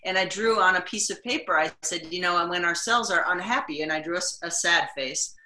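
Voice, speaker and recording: A woman's voice: on the low side, fairly quick, pushed and bright, reverberant, poor audio. A woman casually telling a story from her past work, with hesitant fillers. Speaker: practitioner sharing a story. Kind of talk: casual storytelling on a video call.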